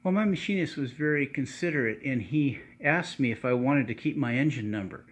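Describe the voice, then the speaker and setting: A middle-aged man giving a casual workshop how-to, talking in a halting way with many fillers and restarts. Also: medium pitch, lively intonation. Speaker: channel host restoring cars. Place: home garage workshop, indoors.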